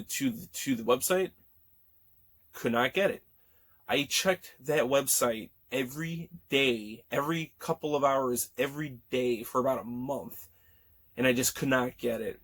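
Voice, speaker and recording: A man in his thirties talks in a loose, rambling way, full of ums, restarts and casual swearing. His voice is still cracking after an illness. He sits at a middle pitch for a man. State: voice cracking after being sick. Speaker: gaming vlogger. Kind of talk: casual chat.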